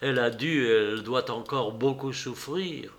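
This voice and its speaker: A man voicing a gentle young woman, a detective's daughter, who speaks softly and hesitantly. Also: medium pitch, a little slow. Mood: anxious. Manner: soft, hesitant, sorrowful. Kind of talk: audiobook character reading.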